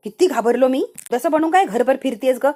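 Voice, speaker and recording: A fussy, teasing elderly father-in-law from a TV serial recap, voiced by a woman in her own fairly high voice. He scolds and jokes fondly at his family in a casual storytelling tone. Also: expressive, fairly quick, warm tone. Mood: scolding.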